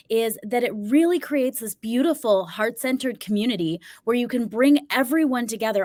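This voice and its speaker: A woman's voice: on the high side, no room sound. A woman co-hosting a live business webinar, speaking in an earnest, encouraging way. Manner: warm, encouraging, earnest delivery. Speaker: co-host and business coach.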